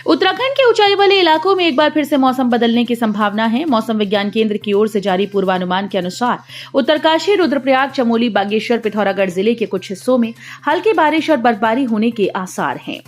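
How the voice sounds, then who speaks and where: A woman's voice: on the high side, brisk. Woman reading news headlines over music. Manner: steady formal headline delivery. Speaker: news reader. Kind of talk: scripted news bulletin reading.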